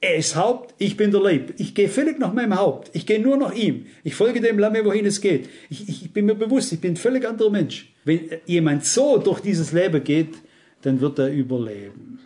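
A man preaching a sermon in an earnest, emphatic way. His voice sits a little higher than most men's. He keeps checking in with his listeners through direct questions. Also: lively intonation, normal speed, dark tone. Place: church service.

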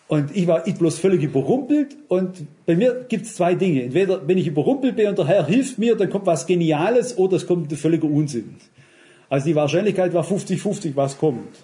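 A man preaching a sermon, telling personal stories and speaking straight to his listeners. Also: fairly high pitch. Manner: animated storytelling, addressing listeners directly.

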